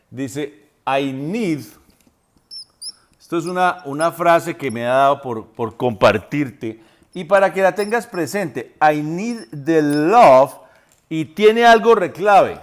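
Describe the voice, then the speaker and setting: Slow, high-voiced man teaching English. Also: animated. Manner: repeats and spells words aloud. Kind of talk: slow spoken language lesson.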